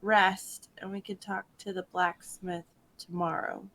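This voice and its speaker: A woman's voice: on the low side, level tone, unhurried, fairly bright tone, no echo. A woman playing a tabletop game, speaking hesitantly and tentatively. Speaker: player. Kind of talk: casual tabletop play.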